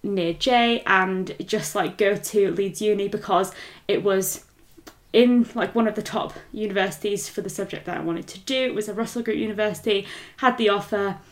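A woman's voice: mid-range voice, moderate pace. A young English woman chatting casually as a co-host, friendly and teasing, with frequent laughs and mm-hmms. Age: young adult. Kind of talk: casual chat.

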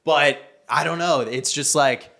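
A man co-hosting a sports podcast in a studio, joking around in a relaxed, casual way. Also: fairly high pitch, measured pace, gravelly. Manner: joking, easygoing. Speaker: podcast co-host.

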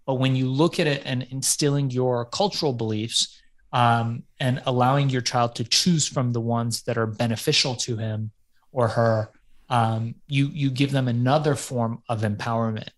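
A man from Iran, appearing as a guest on a podcast interview, speaks in a medium-pitched, steady voice at a moderate pace. His talk is reflective and casual, with the occasional swear word.

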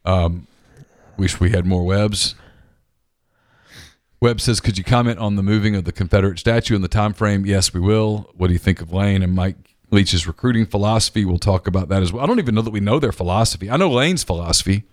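A man with a very low voice, bantering in a wry, easygoing way as a sports talk co-host. He reads listener questions aloud. The studio sound is dry and close. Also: a little fast, no room sound. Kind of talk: casual sports radio chat. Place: radio studio. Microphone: studio microphone.

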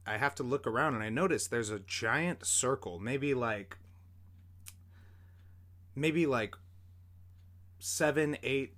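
A man's voice: medium pitch, a bit bright. A young man, a podcast host, telling a story in a rambling, casual way, full of fillers and the odd swear word.

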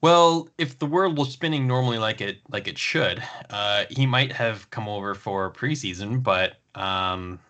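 Guy with a lowish voice hosting a laid-back podcast chat, lots of ums and you-knows. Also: a little slow, hardly any pauses. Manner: relaxed, talks in long runs with fillers. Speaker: podcast host. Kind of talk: casual hockey chat.

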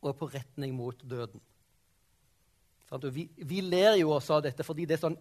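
A man with a fairly high voice leads a classroom discussion. He tosses questions to the class and keeps checking that they follow. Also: darkish tone. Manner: questioning, prompting the class with frequent "sant?" and "ok?". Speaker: teacher.

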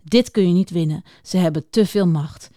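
A woman's voice: fairly low pitch, moderate pace, dark tone, no echo, clean studio sound, close to an everyday voice. A woman reading aloud a storybook scene, voicing an adult man who hisses urgent warnings at a boy. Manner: urgent, hissing, snapping.

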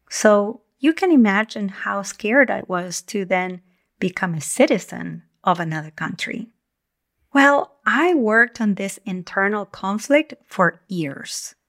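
A woman, hosting her podcast as a communication coach in a calm, measured, gentle way. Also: mid-range voice. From Argentina. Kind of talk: scripted podcast monologue.

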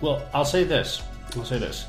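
A man's voice: medium pitch, lively intonation, normal speed, roomy sound, faint music behind. A man hosting a podcast in casual chat, jokey and self-mocking. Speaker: podcast host and managing editor.

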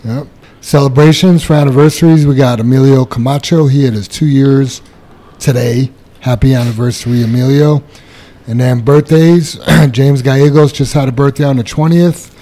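A man co-hosting a casual podcast, reading out names and birthdays from a list. His voice is mellow and dark, and his delivery stays matter-of-fact. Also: medium pitch, steady tone, moderate pace. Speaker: podcast co-host reading announcements.

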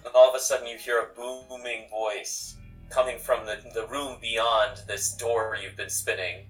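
A man's voice: medium pitch, flat delivery, normal speed, recorded from a distance, soft background music, rough recording. A man narrating a tabletop game casually as game master and host.

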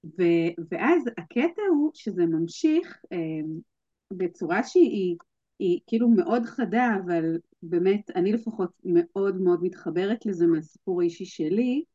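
A woman's voice: fairly low pitch, expressive, dark tone, dry recording. Chatty woman hosting a podcast, dry close sound, kinda dull lo-fi audio. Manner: chatty, upbeat, with frequent fillers. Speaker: podcast host. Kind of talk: casual podcast chat.

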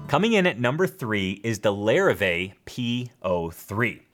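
A man's voice: on the low side, big pitch swings, measured pace, a bit bright, faint music behind. A man with an American accent hosting a show in an emphatic, enthusiastic top ten countdown style. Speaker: guitar show host.

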